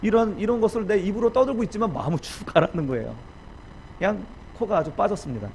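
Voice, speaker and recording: Gravelly-voiced Korean pastor preaching. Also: male voice, sits high, quick pace, slight background noise, low-quality recording. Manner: emotional, rising to loud pleading when quoting prayers. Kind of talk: sermon.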